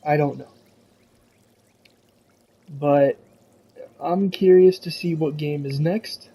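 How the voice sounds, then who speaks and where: A man's voice: a little high, fairly even intonation, slow, mellow, slightly rough, low-quality recording. A young man talking casually and frankly to his viewers, rambling a little and cursing now and then. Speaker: gaming commentator. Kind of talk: casual solo talk to viewers.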